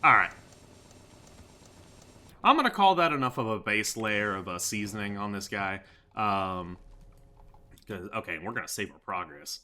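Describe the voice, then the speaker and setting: A man's voice: fairly low pitch, expressive, measured pace, long pauses, pushed and bright. A man giving casual, joking commentary over a sandbox game, talking sarcastically with lots of fillers. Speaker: gaming YouTuber.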